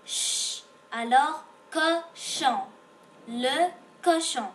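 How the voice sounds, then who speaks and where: A woman's voice: sits high, extremely slow, fairly bright tone, slight background noise. A woman teaching beginners to read, sounding out letters and repeating each word patiently. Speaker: French reading teacher. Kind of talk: slow beginner reading lesson.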